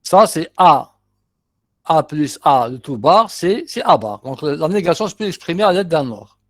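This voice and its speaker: A man's voice: fairly high pitch, sing-song, measured pace, a bit bright, dry recording, clean studio sound. A middle-aged man with an Algerian accent, teaching a university class in a lecture, going through exercises step by step and repeating his terms. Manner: explains step by step, repeats terms, mixes in short asides.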